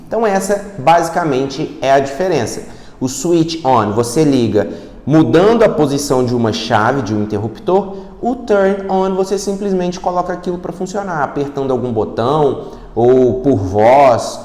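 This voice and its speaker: A man with a Brazilian Portuguese accent teaches an online English lesson in a relaxed, chatty manner and keeps checking in with his listeners. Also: medium pitch, echoey room, long reverb tail.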